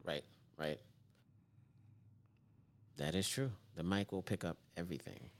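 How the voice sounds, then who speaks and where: A man hosting a casual interview, repeating phrases and filling pauses with um and you know. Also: low voice. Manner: repeats words, laughs, many fillers. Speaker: interview host.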